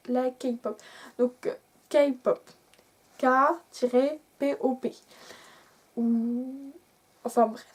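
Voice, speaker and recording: A woman's voice: high-pitched, a little mellow. A young woman chatting casually to camera as a vlogger, rambling with many fillers and restarts.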